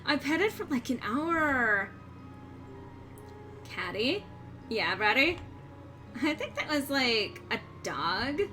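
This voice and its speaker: A woman's voice: sits high, very animated, takes it slowly, pauses often, pushed and bright, soft background music, full character voice. A woman voicing a bubbly, ditzy, gossipy sorority-girl monster with a Valley Girl accent. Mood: gushing, ditzy.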